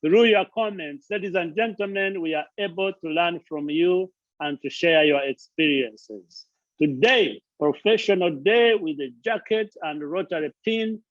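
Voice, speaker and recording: In a friend's house indoors, a Ugandan charity founder who hosts his own channel delivers an earnest motivational talk, driving points home by listing and repeating words. His voice is a little high and a little slow, and the recording is lo-fi with no room sound.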